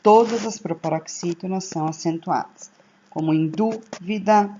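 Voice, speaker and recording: Brazilian woman teacher, low-pitched, patient recorded lesson, muffled lo-fi sound. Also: warm tone, a little hiss or hum. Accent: Brazilian Portuguese. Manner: slow, careful teacherly explanations with checking "tá?". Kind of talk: recorded online grammar lesson.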